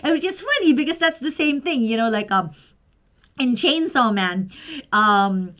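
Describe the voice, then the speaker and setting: A young woman rambles through a casual livestream unboxing with a slightly high voice. She talks in a chatty, giggly way and often trails off into side thoughts. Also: lively intonation, unhurried, a bit bright. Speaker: livestreamer and pro wrestler.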